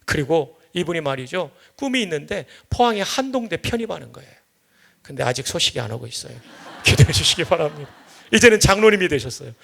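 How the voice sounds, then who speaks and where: A man preaching an evening sermon in a church, telling stories with lively humor. His voice sits high and sounds bright and bold. A gravelly rasp runs through his delivery. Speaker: guest pastor. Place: church sanctuary.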